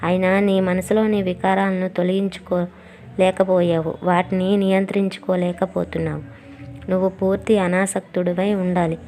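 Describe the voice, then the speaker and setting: A woman voicing a gentle but firm old male saint, speaking in slow, measured admonishments. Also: on the low side, level tone, a little hiss or hum, lightly acted. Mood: gently scolding.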